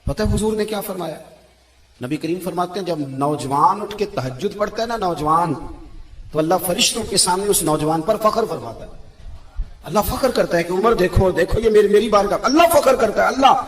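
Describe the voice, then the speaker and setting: High-voiced preacher in an echoey hall. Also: male voice, lively intonation. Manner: dramatic, swings from loud exclamation to hushed storytelling. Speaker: Islamic preacher. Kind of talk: emotional sermon storytelling.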